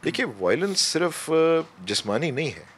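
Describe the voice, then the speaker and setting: A male police officer speaking as a talk show guest, measured and pausing often. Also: on the high side, sing-song, fairly bright tone, breathy edge. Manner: measured, halting with pauses.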